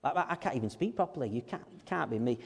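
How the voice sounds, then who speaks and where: Preacher voicing an anxious stammering shepherd, high-pitched, pleading, long hall echo. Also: male voice, moderate pace, darkish tone, close to an everyday voice. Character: reluctant stammering male shepherd Moses, anxious.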